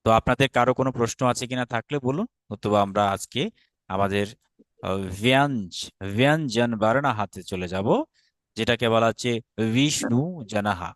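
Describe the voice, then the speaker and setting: Bangladeshi man, online teacher, patient, mid pitch, dry close sound; keeps checking in with students. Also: fairly quick, fairly bright tone, dry recording. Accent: Bangladeshi Bengali. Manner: patient, checks understanding often. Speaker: Sanskrit teacher. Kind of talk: online grammar class.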